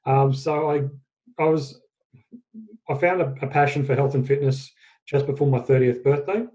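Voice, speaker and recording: A man in his forties from Queensland with an Australian accent, telling his story as a podcast guest in a halting, self-correcting way. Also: medium pitch, warm tone. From Australia, central Queensland. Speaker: guest, fitness business owner. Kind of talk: casual interview storytelling. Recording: dull lo-fi podcast audio.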